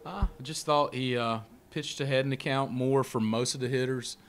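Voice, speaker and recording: A man's voice: medium pitch, steady tone, normal speed, a bit bright, a little hiss or hum. A middle-aged man, a head baseball coach at a postgame press conference, talking plainly and steadily with many fillers into a handheld mic. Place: press room before a sponsor backdrop. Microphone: handheld mic held close.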